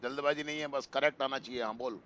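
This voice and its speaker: Brief: male English teacher, mid-pitched, calm and encouraging, online class over a call. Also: fast. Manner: patient, encouraging, gently corrects grammar.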